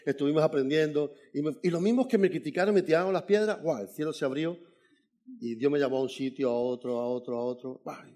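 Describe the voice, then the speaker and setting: Guest preacher, male, fairly high voice, animated testimony-style sermon to a church crowd. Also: fast talker. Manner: animated storyteller, calls out "amen" to the congregation.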